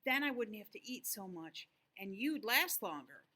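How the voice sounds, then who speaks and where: Woman acting a grumbly hungry lion, very animated. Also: medium pitch, normal speed. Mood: grumbling. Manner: grumbly, exclaiming. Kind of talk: storybook character voice.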